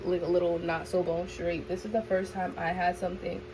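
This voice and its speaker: A young woman chatting casually to camera as a vlogger, with a bubbly, gushing sorority-girl manner and drawn-out emphasis, recorded at home. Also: on the low side, level tone. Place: indoors in a room at home. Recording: home recording with background noise.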